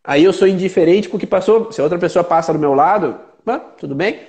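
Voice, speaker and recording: A man's voice: high voice, quick pace, a little mellow, highs cut off. A man, a therapist guest who explains ideas step by step in conversation.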